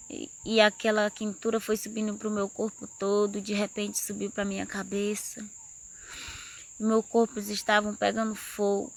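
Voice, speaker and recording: A woman's voice: medium pitch, dry recording. A woman earnestly telling a personal religious testimony. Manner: earnest storytelling, rising intensity. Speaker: testimony speaker.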